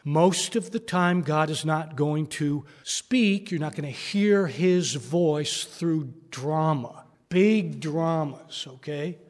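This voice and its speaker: A man preaching a sermon in a calm, measured way, slowing down and pausing to stress his points. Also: on the high side. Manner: calm, measured preaching with slow emphatic pauses. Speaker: pastor. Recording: long hall reverb.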